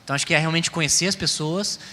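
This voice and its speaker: Fast-talking Brazilian man, bright voice. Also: fairly high pitch. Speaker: panelist, type consultant. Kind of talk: informal panel discussion. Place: round table in a reverberant hall. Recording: echoey hall, faint ambient noise.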